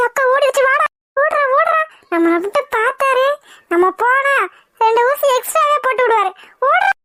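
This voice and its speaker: A woman doing a high bossy village girl. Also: lively intonation, normal speed, pushed and bright, heavily acted. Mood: panicked.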